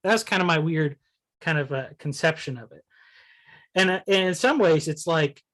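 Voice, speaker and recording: A man's voice: fairly high pitch, lively intonation, moderate pace, a bit bright. A man in a casual philosophical conversation, thinking aloud with many restarts and "you know"s. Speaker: essay writer discussing his ideas.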